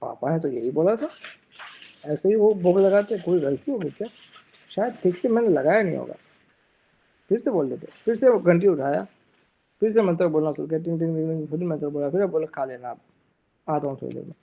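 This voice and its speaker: Man, sermon storytelling, gravelly, dark tone, acts out the characters' lines. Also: on the high side, lively intonation, fairly quick, long pauses, rough recording. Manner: mixes in English phrases, acts out the characters' lines. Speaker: speaker giving a religious discourse.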